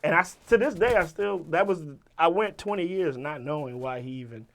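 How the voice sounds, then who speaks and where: Male guest in his 40s, slightly high voice, animated profane storyteller, loud-to-quiet swings. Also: a little fast. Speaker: rapper guest.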